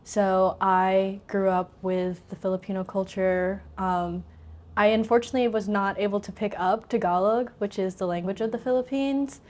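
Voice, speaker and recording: A woman's voice: mid-range voice, steady tone, moderate pace, a little mellow. A woman in her twenties from southern Indiana, a pharmacy student, chatting casually as an interview guest and often saying "like". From southern Indiana, USA. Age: 20s. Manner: chatty, lots of "like", laughs easily. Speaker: pharmacy student and council president.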